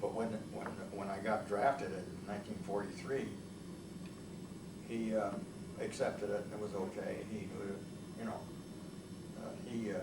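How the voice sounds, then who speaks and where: In a noisy, echoey room with a distant microphone, an older man, a veteran who spoke Italian at home as a boy, recounts his life for an oral history interview with much hesitation and many restarts. He talks at normal speed in a fairly low voice, with little pitch movement and frequent pauses.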